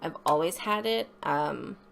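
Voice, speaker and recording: A woman's voice: deep voice, measured pace, gravelly, fairly bright tone, a little hiss or hum. A woman with a slight lisp giving a casual, rambling voice-over for an art video, with informal apologetic asides.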